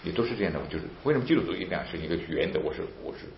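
In this casual storytelling, a deep-voiced man talks quickly and with animation, acting out dialogue and breaking into emphatic outbursts. The lo-fi audio sounds roomy and dull, carrying a faint hiss.

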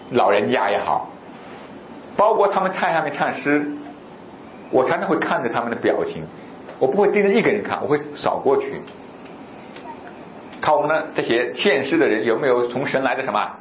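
Animated male pastor in an echoey church. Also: medium pitch. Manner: animated, rhetorical questions, storytelling. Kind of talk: sermon. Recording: echoey, slightly dull recording with faint noise.

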